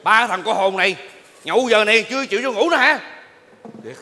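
A man's voice: high voice, expressive, fast, sharp tone, exaggerated voice. A man playing a grumpy bar owner who scolds late-night drinkers from offstage. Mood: exasperated. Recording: echoey stage hall.

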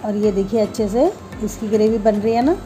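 A woman's voice: mid-range voice, brisk, music in the background. A woman talking viewers through a home cooking recipe step by step, in a homely way. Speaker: home cooking channel host.

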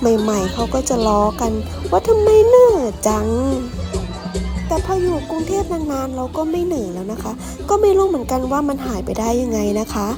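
Travel vlogger, woman, bright high voice with bouncy intonation, polite and chatty, faint music underneath. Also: sing-song, fast talker, hardly any pauses. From Ratchaburi, Thailand. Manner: polite, friendly, often addresses viewers directly. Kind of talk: travel vlog narration to viewers.

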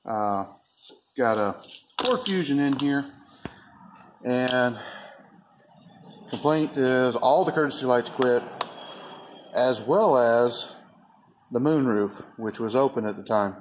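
A man's voice: medium pitch, slow, long pauses, background noise. A man, a mechanic talking in a frustrated, plain-spoken way in a casual shop vlog. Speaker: auto mechanic. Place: auto repair shop.

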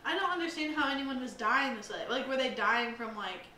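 Young woman podcast co-host, rambling and self-deprecating, bright tone, echoey room, faint hiss. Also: high voice, lively intonation, a little fast. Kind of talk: casual chat. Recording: roomy, slightly distant mic with faint hiss.

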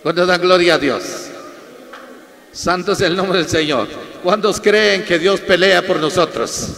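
A man's voice: high-pitched, measured pace, vocal fry, fairly bright tone. A man, a pastor, preaching a testimonial sermon with fervor, repeatedly addressing the congregation and calling out questions to them. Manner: fervent, repeats "amados hermanos" often. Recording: long reverb of a hall.

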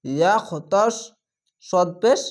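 A man teaching Quran reading, slowly spelling out each word syllable by syllable. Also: sits high, expressive. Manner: slow, drawn-out syllable-by-syllable spelling of Arabic words. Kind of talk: spelling-out recitation lesson.

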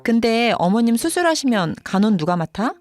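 A woman with a fairly high, darkish voice speaks briskly with big pitch swings. She plays a matter-of-fact working wife and daughter-in-law in a dramatized story video, pointed and sarcastic, over background music.

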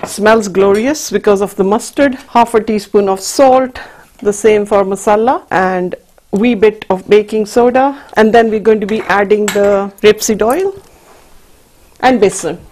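A woman's voice: mid-range voice, a little slow, darkish tone. A middle-aged woman hosts a cooking demonstration, instructing step by step and mixing in Hindi and Punjabi phrases. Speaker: TV cooking show host. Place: indoor TV studio kitchen.

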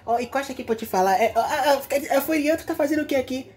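A man voicing Farian, a scheming, unhinged woman who is suspicious and sharp. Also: very high voice, racing, voice pushed up.

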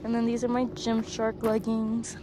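A woman's voice: a little high, background noise. A woman in her twenties casually narrating her day as a vlogger, filming herself on a phone held at arm's length in her car and on a trail. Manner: relaxed, chatty, unhurried. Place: car and outdoor mountain trail.

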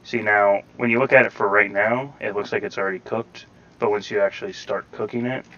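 A man hosts a gaming tutorial, chatting casually and wandering through each step while hedging somewhat. He has a lowish, fairly bright voice with fairly even intonation and talks a little fast. The muffled recording has faint background noise and a slightly robotic processed sound.

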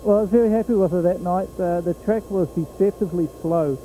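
Kiwi horse trainer guy, middle-aged, very dark mellow voice, lots of ums, outdoor track interview. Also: high-pitched, a little hiss or hum, low-quality recording. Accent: New Zealand. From New Zealand. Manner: plain-spoken, pauses with many ums and you-knows. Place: outdoor fairground racetrack.

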